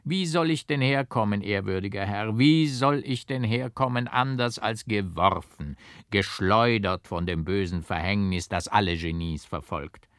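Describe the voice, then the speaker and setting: A man's voice: medium pitch, very animated, normal speed, fairly bright tone, dry recording, clean studio sound, pitched above the performer's own voice. A man voicing a comical, melodramatic male barber who sighs and complains. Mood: whiny lament. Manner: plaintive, sighing, melodramatic. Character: comical runaway male barber, whiny and theatrical.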